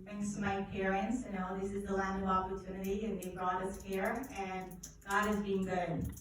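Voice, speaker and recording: A finance educator from Guyana, a woman with a mid-range voice speaking at normal speed, gives an energetic money seminar at a church event. She asks the audience questions in a preacherly, call-and-response style. The recording comes from far off in a large, echoey church hall.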